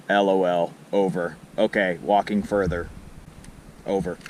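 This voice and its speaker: Out in a yard next to a pond, a man reviews and tests a toy blaster, keeping his remarks casual and matter-of-fact. He speaks slowly in a low, slightly mellow voice with fairly even intonation, and faint outdoor noise can be heard.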